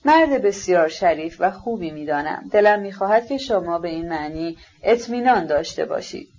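A woman reading the lines of an earnest, sensitive young prince in a fervent, halting, self-reproaching way. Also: lowish voice, animated, a little mellow, breathy edge, lo-fi sound.

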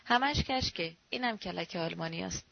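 A woman's voice: lowish voice, animated, vocal fry, no room sound. A woman reading as a paranoid frightened man. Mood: knowing. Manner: pleading, then knowing and suspicious. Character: frightened paranoid male camp survivor. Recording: dull, dry lo-fi recording.

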